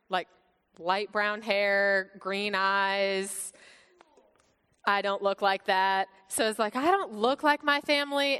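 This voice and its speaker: A woman's voice: a little high, fairly bright tone, clean tone. Upbeat young woman in a big hall. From Bulgaria. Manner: upbeat, chatty, many fillers. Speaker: youth speaker. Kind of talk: testimony to a youth group. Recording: long hall reverb.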